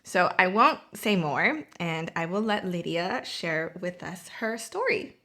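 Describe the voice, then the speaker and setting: A woman in her thirties hosts an interview podcast. Her voice is bright and forceful, pitched a touch low. She chats in a friendly way, with plenty of ums and uhs. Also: lively intonation, measured pace. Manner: friendly, chatty with frequent fillers. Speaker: podcast host.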